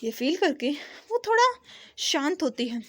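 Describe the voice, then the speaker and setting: A woman's voice: high voice, sing-song, unhurried, fairly bright tone. A woman storyteller casually retelling a drama plot, chatty and mixing in English words, with frequent restarts.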